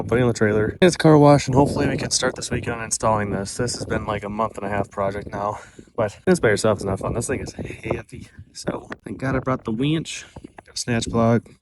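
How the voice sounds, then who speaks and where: A man's voice: medium pitch, a little fast, noisy background. A young man casually narrating his truck project on a propped-up phone, rambling and self-deprecating as he works. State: out of breath at times. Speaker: DIY truck vlogger. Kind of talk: casual vlog narration while working. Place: backyard and workshop, indoors and out. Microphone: phone camera propped up nearby.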